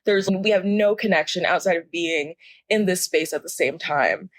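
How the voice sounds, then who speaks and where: A woman's voice: on the low side, moderate pace, no echo. Ranting young woman podcast host, dry sound. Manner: ranting, heated and profane, laughing at her own story. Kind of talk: casual chat.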